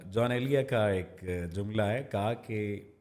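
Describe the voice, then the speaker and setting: A man, a voice-over artist giving a reflective podcast interview, measured, quoting poets and slowing down for emphasis. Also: on the low side, darkish tone. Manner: measured, quotes poets and sayings, slows for emphasis.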